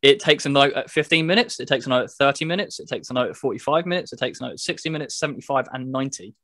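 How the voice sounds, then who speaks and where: A man co-hosting a gaming podcast reviews a video game, chatting casually and explaining things step by step. His medium-pitched voice is a bit bright and very fast, captured in a dry, studio-quality recording.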